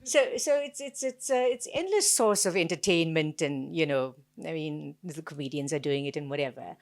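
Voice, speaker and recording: At a book event, a woman author with a Durban Indian South African accent chats casually, telling anecdotes in an animated, jokey, self-deprecating way. Her voice is deep and she talks a little fast.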